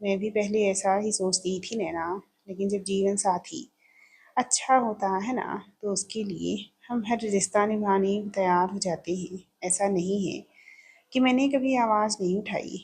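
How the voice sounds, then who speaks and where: A woman voicing a gentle, patient young married woman who likes to tease her friend. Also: mid-range voice, steady tone, unhurried, husky. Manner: gentle, teasing.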